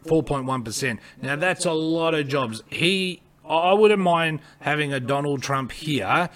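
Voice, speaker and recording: A man's voice: a little high, a bit bright. A man co-hosting a podcast, giving blunt, emphatic opinions and repeating his points. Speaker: podcast co-host.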